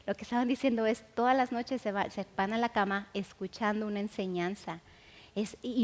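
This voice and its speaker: A woman gives a sermon in a fairly high voice, slowing down to stress and repeat her key phrases. She restarts often mid-sentence. Her voice rings with the long reverb of a large hall. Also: a bit bright. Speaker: Bible teacher. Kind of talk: sermon teaching.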